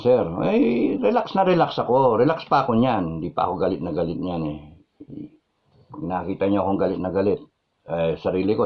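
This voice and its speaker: Indignant Filipino-accented man, lively pitch. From Philippines. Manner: indignant, mixes Tagalog and English, repeats phrases for emphasis. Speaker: vlog host. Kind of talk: live-stream commentary reading viewer comments. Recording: dull lo-fi sound.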